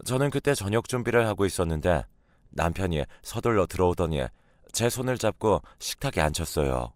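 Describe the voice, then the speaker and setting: A man calmly narrating a scripted radio drama in a measured storytelling manner. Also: low voice, no room sound, clean studio sound.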